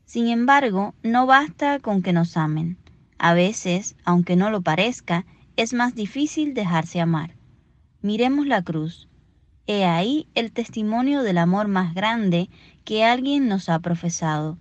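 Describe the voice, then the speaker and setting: A woman reading a scripted Gospel reflection in a calm, measured way, on a dull lo-fi recording. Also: medium pitch, dry recording. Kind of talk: scripted devotional narration.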